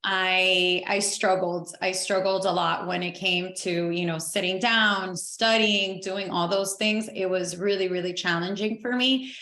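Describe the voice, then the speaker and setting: A woman's voice: fairly low pitch, steady tone, bright, forceful tone. A young adult woman from Venezuela, chatting as a podcast guest in a talkative, upbeat way. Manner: talkative, upbeat, quick to laugh. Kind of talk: casual interview chat. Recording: echoey room.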